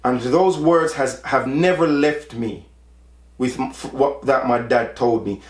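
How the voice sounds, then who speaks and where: A Jamaican podcast host in his forties gives an earnest personal monologue about his own life, often repeating words to press a point. His medium-pitched voice moves at a measured pace and sounds reverberant.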